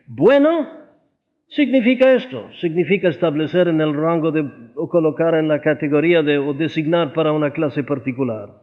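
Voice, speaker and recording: A man reading a sermon aloud in an earnest, explanatory way, stressing key words. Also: a little high. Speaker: audiobook reader of a sermon. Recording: tinny phone-like audio.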